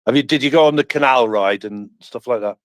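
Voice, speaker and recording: Brisk and medium-pitched, this panelist from the English Midlands keeps things chatty and jokey in a live audio space, using lots of fillers. His accent is Midlands English, and the audio has no room sound.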